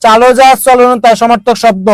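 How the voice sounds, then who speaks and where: A man's voice: very high-pitched, fairly even intonation, fairly quick, clean tone, dry recording. A man teaching an online grammar lesson, repeating words and drilling the class with questions. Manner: repetitive, drilling questions to students.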